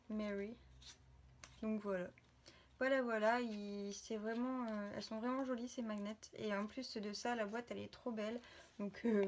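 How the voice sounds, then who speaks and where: A young woman chatting to her camera in a relaxed vlog, sharing gift ideas. She talks informally and hesitates a lot, filling the gaps and circling back to restart her sentences. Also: medium pitch, slight background noise. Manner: hesitant, many filler sounds and restarts. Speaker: vlogger. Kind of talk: casual gift-idea vlog.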